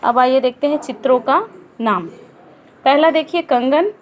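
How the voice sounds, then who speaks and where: A woman teaching a first-grade class, speaking slowly and patiently, asking questions and answering them herself. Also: high voice. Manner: slow, patient, asks and answers her own questions. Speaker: primary school teacher. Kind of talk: online class lesson.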